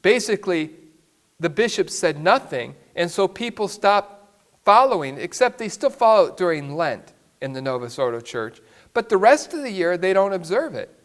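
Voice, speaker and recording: A man's voice: high voice, very animated, normal speed. A man, a priest, telling a story in a sermon with an emphatic way of speaking.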